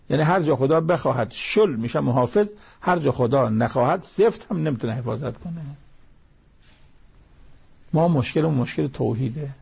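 A man delivering a sermon that explains scripture. His voice is gravelly and husky, with a warm, mellow tone. He moves between recited Arabic verses and plain storytelling to make his points. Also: medium pitch. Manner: recites Arabic verses and tells moral anecdotes. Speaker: preacher. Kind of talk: sermon with Quran commentary.

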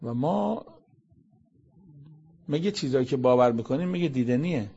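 Male religious lecturer, husky timbre, conversational sermon, rhetorical questions, dull lo-fi recording. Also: medium pitch, animated, warm tone. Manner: rhetorical questions, reciting Arabic verses then explaining them. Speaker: religious lecturer explaining Quran verses.

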